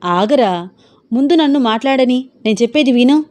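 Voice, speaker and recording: A woman reads a bossy older aunt in a spoken family story. She speaks in a commanding, explaining way. The voice is mellow and warm. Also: high-pitched, expressive, moderate pace, voice pushed up.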